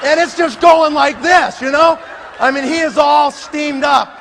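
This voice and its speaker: High bright storytelling man. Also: a little slow, a faint crowd. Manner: animated, laughing, acts out scenes. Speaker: speaker. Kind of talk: comic storytelling presentation. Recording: long hall reverb, faint room noise.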